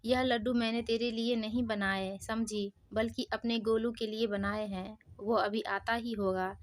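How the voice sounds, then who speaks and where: A woman voicing a harsh, scolding stepmother in a storybook tale, with flat intonation. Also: fairly high pitch, unhurried, natural voice. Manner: scolding, sharp-tongued. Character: harsh cruel stepmother, middle-aged woman. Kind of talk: storybook voice acting.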